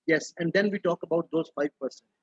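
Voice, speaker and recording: A man's voice: on the high side, fairly quick, husky, no room sound, lo-fi sound. A middle-aged man from Pakistan, speaking as a webinar panelist in an earnest, emphatic way, full of rhetorical questions. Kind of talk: panel talk.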